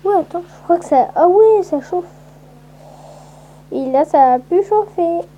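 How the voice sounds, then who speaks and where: A woman's voice: extremely high pitch, lively intonation, measured pace, mellow, dull audio, a little hiss or hum. A woman giving casual, rambling let's-play commentary with lots of hesitant fillers. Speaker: gameplay commentator.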